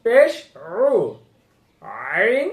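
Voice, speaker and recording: A woman teaching Quran reading through a slow syllable-by-syllable spelling drill. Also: high-pitched, lively intonation. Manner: slow, drawn-out, instructive recitation. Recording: echoey room.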